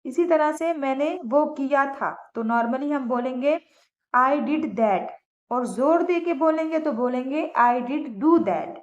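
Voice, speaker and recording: A woman with a Pakistani accent teaches a beginners' grammar lesson in a high, light voice. She explains patiently and slows down deliberately whenever she says an example sentence, and she often checks that her students are following. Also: lo-fi sound.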